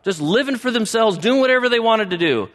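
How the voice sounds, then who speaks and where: A man's voice: high-pitched, expressive, a little fast, fairly bright tone. A man preaching a sermon as pastor, talking in a conversational way and often asking the congregation questions. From United States. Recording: long hall reverb.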